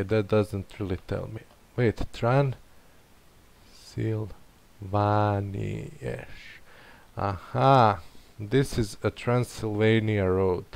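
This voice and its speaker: A man's voice: on the low side, vocal fry, a little mellow. A man thinking aloud as he plays a map-guessing game, muttering and questioning himself. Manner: muttering, hesitant, self-questioning. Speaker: game streamer. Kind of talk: thinking aloud while playing.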